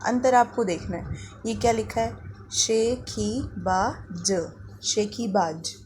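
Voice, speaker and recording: A woman teacher leads young children through a worksheet, slowing down to sound words out piece by piece. She keeps asking the class questions and answering them herself. Faint clicks and low noise sit under the recording. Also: warm tone. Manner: slow, syllable-by-syllable reading of words for young pupils. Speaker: primary school teacher.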